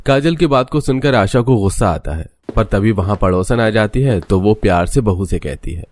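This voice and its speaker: A man narrating a cartoon story in a steady, scripted storytelling voice. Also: on the low side, moderate pace.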